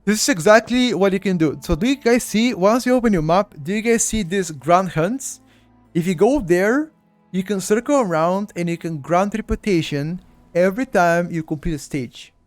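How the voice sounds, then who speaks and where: Talking his chat through a game live, a man with a Bulgarian accent speaks at normal speed in a high, animated voice. He's conversational, addresses viewers directly, and tends to repeat himself. Soft music plays under a dry recording.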